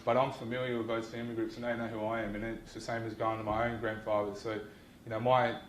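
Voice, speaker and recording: A young Australian man giving an informal university lecture, talking in a relaxed and conversational way with many ums and restarts. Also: fairly low pitch, fast talker, reverberant, slight background noise, poor audio. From New South Wales, Australia. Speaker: guest lecturer.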